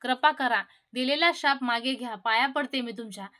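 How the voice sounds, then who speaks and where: A woman's voice: fairly high pitch, moderate pace, sharp tone. A woman voicing a pleading young princess. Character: young princess begging forgiveness.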